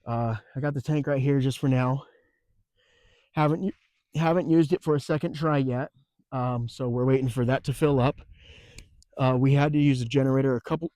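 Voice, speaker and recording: A man's voice: mid-range voice, no room sound. A man with the hiccups gives a rambling, casual vlog walkthrough of repairs around his off-grid camper. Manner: rambling and relaxed, with fillers and restarts. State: has the hiccups. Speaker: off-grid homesteading vlogger. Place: outdoors and inside a camper on a rural off-grid homestead.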